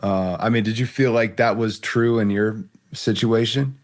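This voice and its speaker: A man hosting a podcast interview, asking reflective questions in a measured way. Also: fairly low pitch, fairly even intonation. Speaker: podcast host. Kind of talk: interview conversation.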